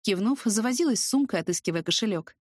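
A woman narrating a first-person audiobook in a lively, expressive way. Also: medium pitch, fast talker, no room sound, studio quality.

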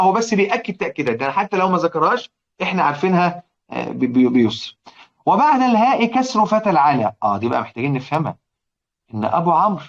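A man's voice: a little high, dull audio. A man with an Egyptian accent giving a recitation lesson, repeating examples and quizzing his listeners with questions. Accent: Egyptian Arabic. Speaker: teacher of Quran recitation. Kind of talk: classroom lecture.

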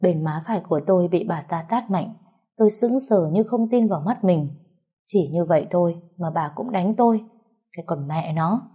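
A woman tells a family drama in the first person, her voice low and slightly husky. Her tone is mellow and unhurried in narration. She throws herself into the quarrels with heated bursts. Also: expressive.

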